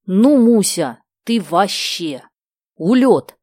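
An excitable, impulsive schoolgirl, put on by a woman narrator in an audiobook. She bursts out high and loud, and the recording is dry. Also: moderate pace, dry recording, natural voice. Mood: excited. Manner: excited, exclamatory.

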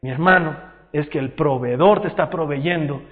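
Fervent preacher man in a reverberant hall. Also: normal speed. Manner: fervent preaching with swings between loud emphasis and quiet lows. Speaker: pastor. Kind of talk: sermon. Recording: tinny lo-fi sound with long hall reverb.

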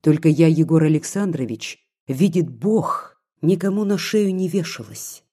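A reader voicing a young peasant woman in an audiobook, devoted and anxious, speaking softly and pleadingly. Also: mid-range voice, lively intonation, unhurried. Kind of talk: audiobook dialogue reading.

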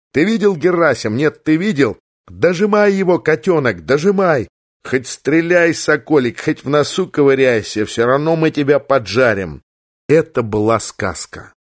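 A male audiobook narrator reading in the first person at a steady, deliberate pace. His voice sits in a middle pitch and the sound is close and dry, with no room echo.

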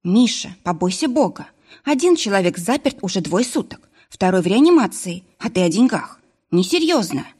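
A woman voicing a nervous young woman, a former ballerina, speaking in an anxious, higher voice. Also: big pitch swings, moderate pace, a little mellow, breathy edge. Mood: urgent.

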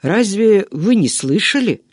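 A man's voice: high-pitched, very animated, breathy edge, no room sound, studio quality, pitched above the performer's own voice, full character voice. A man doing a chatty old servant woman. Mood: garrulous. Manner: rambling, drawn-out storytelling. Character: chatty old female servant, long-winded and unhurried.

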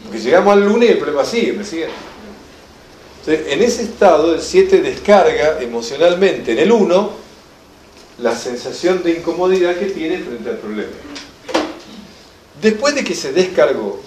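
Animated Rioplatense man lecturing in a roomy hall. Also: a little high, moderate pace, long pauses, a little hiss or hum. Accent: Rioplatense Spanish. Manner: animated storyteller, acts out quoted voices with laughter. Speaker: enneagram teacher. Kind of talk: lively classroom lecture.

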